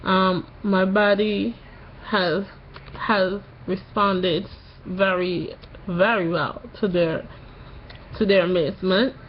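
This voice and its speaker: A woman in her late twenties giving a casual personal update in a halting way, a little tired and recovering from tonsil surgery that morning. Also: mid-range voice, fairly even intonation, lo-fi sound, slight background noise. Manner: slow, halting delivery with long pauses. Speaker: vlogger.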